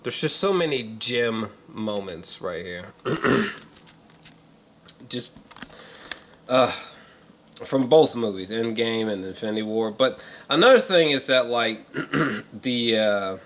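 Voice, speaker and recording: A man giving casual, unscripted film commentary as a reviewer, rambling with repeated words and throat clearing, in a slangy, profane and emphatic way. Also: medium pitch, animated, slow pace, pauses often, fairly bright tone.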